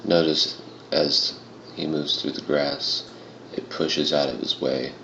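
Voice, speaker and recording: A man with an extremely low, gravelly voice walks through a software tutorial in a casual style. His throaty tone comes through a dull, lo-fi home recording with roomy echo. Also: steady tone, takes it slowly. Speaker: tutorial presenter. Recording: muffled, roomy home recording with clear noise.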